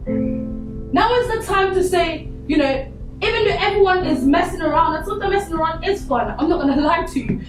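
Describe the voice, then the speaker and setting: A woman's voice: very high voice, expressive, brisk. A young woman from Congo giving an earnest, conversational motivational talk to students at a school, with many fillers like "you know". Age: young adult. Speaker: guest speaker at a school. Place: school hall. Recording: echoey hall, distant mic, music behind.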